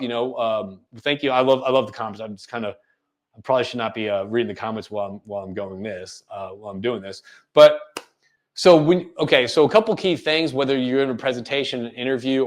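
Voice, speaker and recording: A man hosting a live coaching webinar, talking casually and demonstrating different speaking tones, often checking in with listeners. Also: mid-range voice. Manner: animated, demonstrates vocal tones, asks listeners questions; casual filler-laden delivery with frequent "right?".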